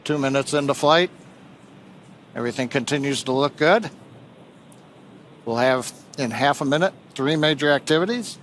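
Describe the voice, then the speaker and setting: A man's voice: medium pitch, normal speed, long pauses, a bit bright, slight background noise. A man giving live launch commentary as a webcast commentator, explaining in a technical way.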